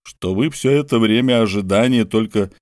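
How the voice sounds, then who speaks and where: A man's voice: lowish voice, moderate pace, a little mellow, dry recording, clean studio sound. A man narrating a story as an audiobook, in a wry, ironic storytelling manner.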